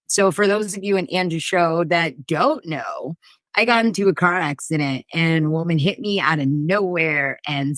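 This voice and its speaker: Woman podcast guest with a low voice and an unhurried, easygoing delivery. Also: no echo. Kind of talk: casual podcast chat.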